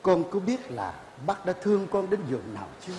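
An actor playing a proud, hospitable older patriarch in a stage play, speaking in a booming, declamatory way. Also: male voice, sing-song, a little fast, a little mellow, a little hiss or hum. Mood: stern. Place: theater stage. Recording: stage with long reverb and music.

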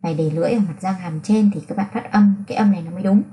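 A woman teaching pronunciation, drilling syllables one by one and explaining clearly. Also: mid-range voice, warm tone, a little hiss or hum. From Vietnam. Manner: slow, deliberate syllable-by-syllable enunciation.

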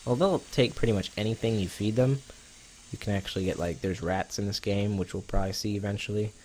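A gaming YouTuber gives casual let's-play commentary over a browser cooking game, chatting to himself and swearing now and then while slightly out of breath. His voice is on the low side, steady, fairly quick, and darkish, recorded in low quality with slight background noise.

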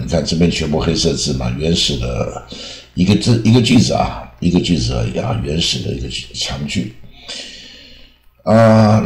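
Low-voiced taiwanese-accented guy lecturing on english grammar, slow and full of drawn-out "ah"s, roomy echo. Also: a little mellow. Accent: Taiwanese Mandarin. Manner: unhurried, many drawn-out "啊" fillers. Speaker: English teacher. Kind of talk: lecture over slides. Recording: echoey room.

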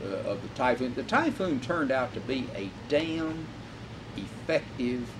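A warbird restorer and pilot who rebuilt and flies a warplane talks casually in an aircraft hangar, swearing freely and rambling with filler words. His mid-range voice is very animated and a little slow. The mic is distant, picking up background noise.

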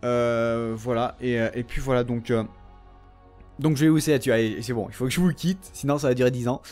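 A man's voice: mid-range voice, fairly even intonation, a little fast, darkish tone, faint music behind. A young man giving casual gameplay commentary, rambling with lots of fillers and frequent swearing. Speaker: gamer.

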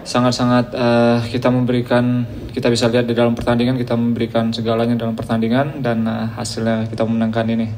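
A young man, a football player, earnestly thanking the team at a post-match press conference in steady speech with occasional fillers, into a table microphone. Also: medium pitch, quick pace, few pauses, slight background noise. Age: young adult. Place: press room in front of a sponsor backdrop.

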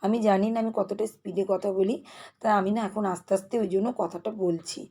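Chatting rapidly in her kitchen, a woman narrates a casual lifestyle vlog about her chores. Her medium-pitched voice is steady, mellow, and husky. She comes across as restless and talkative.

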